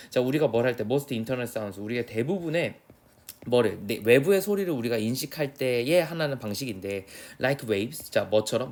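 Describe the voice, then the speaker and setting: A young male English teacher with a Korean accent, giving an exam prep lecture, reading the English lines slowly and then explaining them in quick, casual talk. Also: medium pitch, a little mellow.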